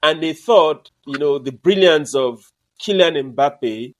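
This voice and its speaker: A man co-hosting a podcast, chatting casually about sports in an emphatic, lively, opinionated way. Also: a little high, slow. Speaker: podcast co-host.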